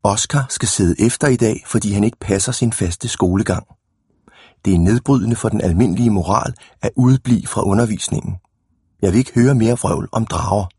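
A man's voice: on the low side, darkish tone, husky, dry recording, clean studio sound. A man doing a stern, scolding schoolteacher. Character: stern red-haired schoolteacher, irritable and strict.

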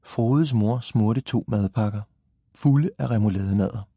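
Husky, dark-voiced male storyteller. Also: fairly low pitch, no room sound, clean studio sound. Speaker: narrator. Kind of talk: storybook narration.

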